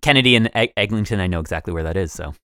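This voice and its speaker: Upbeat low-voiced male radio host. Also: lively intonation, very fast, sharp tone, clear, resonant tone, no echo, clean studio sound. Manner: upbeat, rambling, restarts phrases. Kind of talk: casual radio talk.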